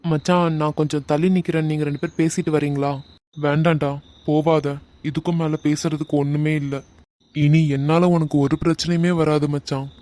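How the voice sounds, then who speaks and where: A man voicing an earnest young man in an animated love drama, with a Kanyakumari Tamil accent and a subdued manner. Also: on the high side, normal speed, lightly acted. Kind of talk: animated web series voice acting.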